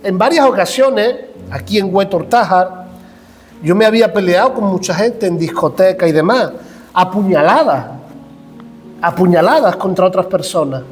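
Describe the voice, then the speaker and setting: A man's voice: high voice, moderate pace. A man preaching a fervent personal testimony as a pastor, speaking straight to his congregation. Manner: fervent, dramatic, addresses congregation directly. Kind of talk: sermon testimony. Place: church.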